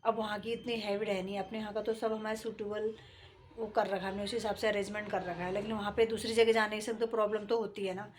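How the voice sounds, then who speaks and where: A middle-aged woman vlogger talking casually and at length, with rambling, conversational storytelling and frequent throat clearing. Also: medium pitch, little pitch movement, quick pace, a little hiss or hum. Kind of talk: casual chat.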